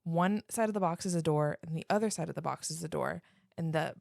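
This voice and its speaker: A woman in her thirties co-hosts a podcast in a casual, self-mocking way, swearing freely as she tells a story. Her voice sits low, with a gravelly edge. The sound is close and dry. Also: a little fast, a little mellow, no echo. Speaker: podcast co-host. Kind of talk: casual chat.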